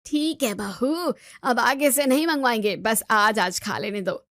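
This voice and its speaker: A woman's voice: on the high side, expressive, unhurried, a bit bright, no echo, studio quality. A woman voicing a stubborn, greedy diabetic father-in-law in his sixties. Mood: coaxing. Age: 60s. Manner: coaxing, stubborn.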